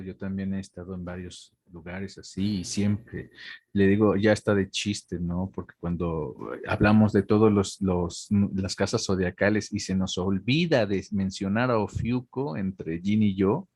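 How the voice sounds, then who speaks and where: A man's voice: low-pitched, slightly rough, dry recording. A man, a teacher who talks casually and grows emphatic as he explains, calling his listeners brother and sister. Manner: emphatic, rising to animated explanation. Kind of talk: casual conversation after class.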